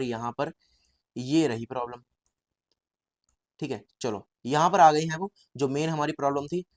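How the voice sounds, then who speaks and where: A man teaching statistics as a story, lively and repetitive, often calling his viewers brother. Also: mid-range voice. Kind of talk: storytelling lecture.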